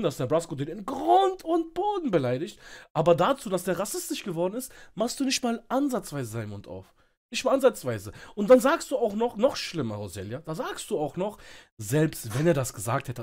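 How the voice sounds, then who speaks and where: A man streaming a roleplay game, arguing heatedly in voice chat and openly calling himself hot-tempered. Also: sits high. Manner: confrontational, loud, calls himself hot-tempered. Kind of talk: heated out-of-character argument.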